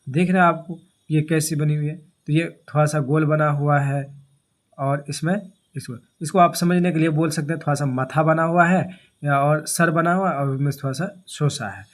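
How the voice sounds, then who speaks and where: A man teaches a grammar lesson in a slightly raised voice. He keeps asking his listeners questions, then answers them himself, going over each term again. He draws out example words slowly so the sounds can be heard. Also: a little high, steady tone. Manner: asks questions and answers them himself, repeating key terms. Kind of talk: classroom-style grammar lesson.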